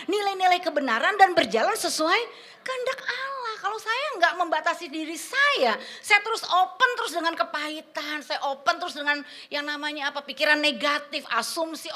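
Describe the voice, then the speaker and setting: A woman preaching a testimony sermon to a church congregation, animated and full of slang, calling the listeners "saudara". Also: high-pitched. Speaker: guest preacher. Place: church service before a congregation.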